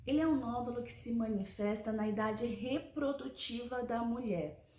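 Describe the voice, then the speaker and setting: Speaking at a moderate pace in a dark-toned voice on the high side, a woman in her 40s walks viewers through a health topic on her personal vlog. The room is echoey, and her explanatory, chatty style leans on tag questions to check in with the audience.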